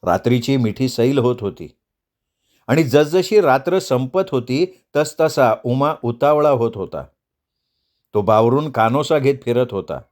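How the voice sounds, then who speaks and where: A man's voice: mid-range voice, expressive, unhurried, darkish tone. A man narrating a novel as an audiobook, telling the story dramatically.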